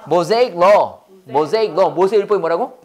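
Teacher drilling bible english call-and-response, voice jumps up and down a lot, repeats stuff slow. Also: mid-range voice, expressive, darkish tone. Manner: quizzing, repeats phrases slowly for learners.

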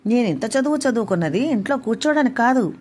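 A woman's voice: on the high side, lively intonation, quick pace, a little mellow. A woman voicing an indignant young working mother who argues sharply with her husband in a read-aloud story. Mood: angry.

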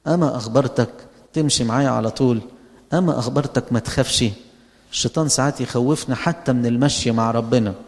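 A man with an Egyptian accent preaching a sermon. He speaks at a middle pitch in a conversational style and poses many rhetorical questions. His voice carries a long reverb, as in a large hall. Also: fast. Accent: Egyptian Arabic. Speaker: priest.

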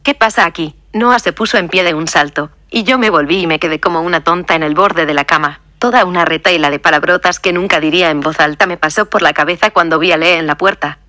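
Woman, audiobook narrator, lowish bright voice, dry close sound, reads punctuation out. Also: fast talker, few pauses, no room sound. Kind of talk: first-person audiobook narration.

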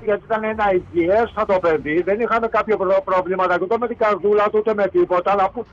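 A man, a bereaved father giving a TV news interview, retelling events haltingly and repetitively and insisting hard on his point. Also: high-pitched, steady tone, soft background music. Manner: insistent, emphatic denials. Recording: dull lo-fi TV audio.

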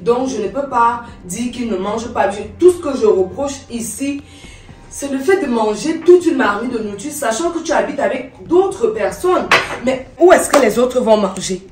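Woman, stepmother, formal scolding, roomy echo, distant mic, soft music behind. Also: a little high, lively intonation, moderate pace. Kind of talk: comedy web series acting.

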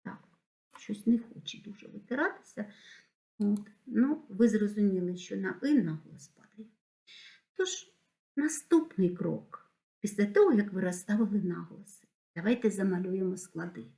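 A female teacher explaining a school lesson, slowly spelling words out syllable by syllable. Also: mid-range voice, gravelly, mellow. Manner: slow, deliberate syllable-by-syllable dictation.

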